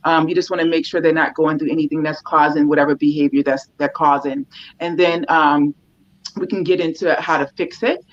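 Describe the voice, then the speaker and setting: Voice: mid-range voice, level tone, brisk. A dog trainer explaining behaviour problems in a loose, casual interview, with many ums and you-knows. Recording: dull, slightly lo-fi sound.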